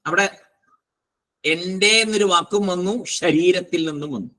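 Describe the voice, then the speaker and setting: A man teaching a philosophy class, slow and deliberate, posing rhetorical questions and answering them himself. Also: high voice, pushed and bright, rough recording. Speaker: spiritual teacher. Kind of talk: Vedanta philosophy class lecture.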